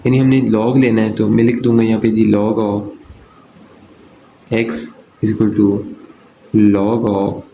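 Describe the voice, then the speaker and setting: A man's voice: lowish voice, gravelly, mellow. A man from Pakistan, teaching a maths lesson step by step, asking and answering his own questions. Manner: asks and answers his own questions, often checks "okay". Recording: roomy echo with faint background noise.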